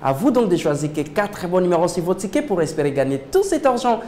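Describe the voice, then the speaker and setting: A man's voice: high-pitched, big pitch swings, quick pace, a little mellow. A man with a Congolese French accent presenting a lottery draw like a bingo caller, calling numbers with formal, ceremonious address.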